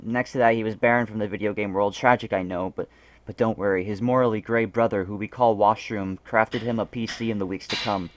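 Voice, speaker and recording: A man's voice: on the low side, fairly even intonation, brisk, a little hiss or hum. A young man narrating a gaming story in a jokey, self-mocking way, swearing and breaking into asides. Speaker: gaming video creator. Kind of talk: comedic scripted narration.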